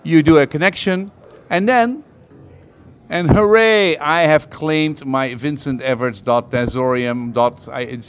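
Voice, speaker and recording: A male host interviewing a guest in a casual tech chat, asking probing follow-up questions with enthusiasm. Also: fairly high pitch.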